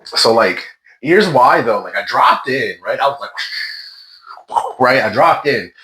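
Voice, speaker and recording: A man telling stories in a casual gaming chat, animated and exasperated, swearing freely. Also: medium pitch, unhurried.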